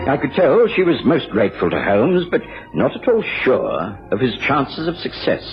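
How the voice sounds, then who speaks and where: A man playing a gentlemanly, curious doctor who narrates a radio drama in a formal storytelling manner. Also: mid-range voice, wildly swooping pitch, moderate pace, faint music behind. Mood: reflective. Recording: dull old radio recording.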